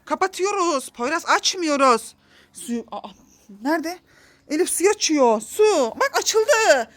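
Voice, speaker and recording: High, lively mother scolding and coaxing. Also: slow pace. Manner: coaxing and scolding, laughing often. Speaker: mother filming her children. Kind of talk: casual family vlog. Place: outdoor garden.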